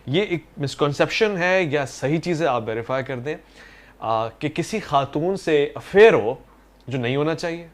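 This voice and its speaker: Male talk host, slightly high pitch, eager and probing. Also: lively intonation. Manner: eager interjections, frequent praise, probing questions. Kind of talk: hosting a panel discussion.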